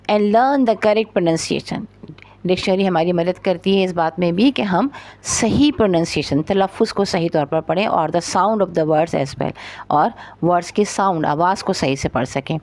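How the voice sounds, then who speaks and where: A woman with a Pakistani Urdu accent teaching English. She reads the English sentences slowly, explains them, and spells words out letter by letter. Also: mid-range voice, darkish tone, no room sound. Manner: slow and careful reading of English, then explaining it. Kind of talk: spoken textbook lesson.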